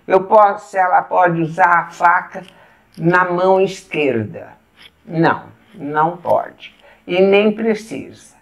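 A woman with a Brazilian Portuguese accent, patiently showing step by step how to eat at the table and pausing to eat as she goes. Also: fairly low pitch, creaky. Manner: patient, explains step by step while eating. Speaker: etiquette instructor. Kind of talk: casual demonstration.

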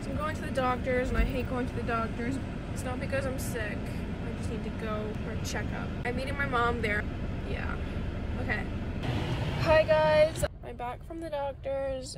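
A woman's voice: fairly high pitch, very noisy. A teenage girl talking into her phone camera in a chatty, rambling diary vlog, often giggling. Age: teens. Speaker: vlogger.

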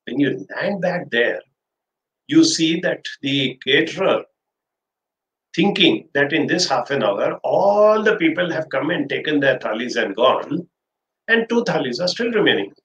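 Older man, Indian accent, slightly high voice, storytelling trainer, acted-out dialogue, echoey webcam recording. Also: sing-song, a little slow, fairly bright tone, muffled recording. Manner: acts out dialogue in anecdotes. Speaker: trainer giving an online class. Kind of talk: illustrative storytelling lecture. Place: small indoor office. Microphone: webcam livestream from desk distance. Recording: roomy echo with background noise.

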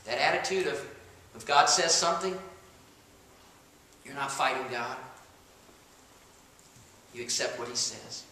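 A man's voice: medium pitch, a little slow, long pauses, bright, forceful tone. A man preaching a sermon as pastor of a church, dramatic and acting out the voices he quotes. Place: church sanctuary. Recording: echoey church room.

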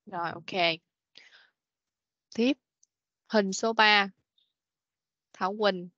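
A woman's voice: mid-range voice, fairly even intonation, pushed and bright, no echo. A woman teaching children English in an online class, patiently correcting pronunciation and repeating words. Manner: patient, repeats words slowly, frequent "rồi, ok". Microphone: video call meeting recording. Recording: dull, dry lo-fi meeting recording.

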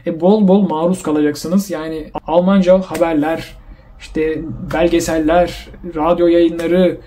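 A man's voice: fairly high pitch, little pitch movement, unhurried, warm tone, slight background noise. A young man giving casual advice to viewers, talking animatedly and acting out the voices of people he quotes. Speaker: YouTuber giving language-learning advice.

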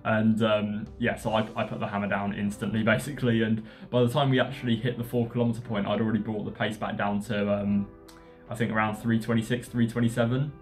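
A man talking casually about his running training in a relaxed, rambling way with lots of fillers. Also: on the low side, fast, faint music behind. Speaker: running vlogger. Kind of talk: casual vlog narration.

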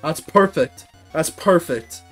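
At a desk indoors, an excitable young native English speaker with a high voice provides let's-play commentary for a gaming video, cheering loudly at victories. He speaks slowly, and faint music plays behind him.

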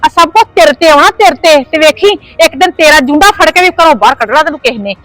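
A woman playing a shrill scolding mother-in-law. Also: animated, quick pace, fairly bright tone, dry recording, poor audio. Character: scolding quarrelsome mother-in-law, shut out of the house. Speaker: actor. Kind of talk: village family drama acting.

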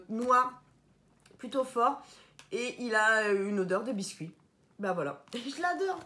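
Chatty French-speaking woman vlogger at home. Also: on the high side. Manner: chatty, animated, stumbling over English product words. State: tired. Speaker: vlogger showing a shopping haul. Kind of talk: casual haul vlog chat.

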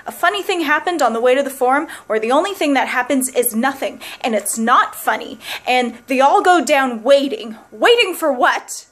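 Woman acting a high-voiced, searching, bitter soliloquy. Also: unhurried. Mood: bitter, defiant. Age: young adult. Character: embittered, wry, grieving woman who loves musicals. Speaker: actor performing a monologue. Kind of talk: dramatic theatrical monologue. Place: small plain room indoors.

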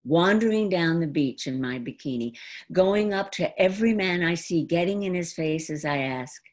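A New York stage actress of about seventy performs an autobiographical monologue in a dramatic, theatrical style, expressive and deliberate. Her voice is lowish. She's at home indoors in front of a folding screen, picked up by a computer video call microphone.

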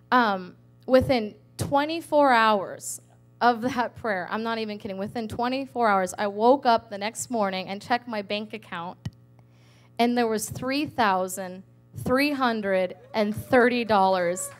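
A woman, an evangelist's wife, telling her personal testimony with animated storytelling, laughing often and acting out her prayers. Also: fairly high pitch, unhurried, soft background music.

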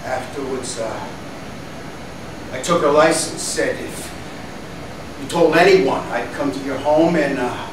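Actor as stammering desperate suspect, roomy recording. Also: male voice, mid-range voice, natural voice. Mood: halting, uneasy confession. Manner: halting, stammering, pleading. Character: desperate male criminal suspect confessing under interrogation. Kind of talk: dramatic monologue acting. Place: indoor studio against plain backdrop. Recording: roomy, distant mic, noisy air-conditioner hum.

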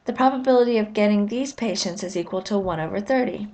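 In a recorded lesson, a woman lecturer explains things in measured, clear phrasing, dropping in the occasional filler. Her voice sits at medium pitch with a somewhat dark tone.

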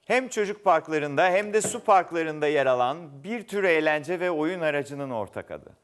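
A man's voice: on the high side, animated, moderate pace, smooth. A man hosting a word quiz show, reading clues aloud and teasing the contestant in a playful way. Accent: Turkish. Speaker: game show host.

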